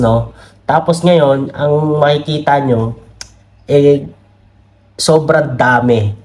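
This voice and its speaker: A man's voice: a little high, a little mellow. A man with a Filipino accent giving casual political commentary, chatty and laughing often, reading comments aloud. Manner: chatty, laughs often, many tag questions; reads comments aloud from screen. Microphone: camera mic.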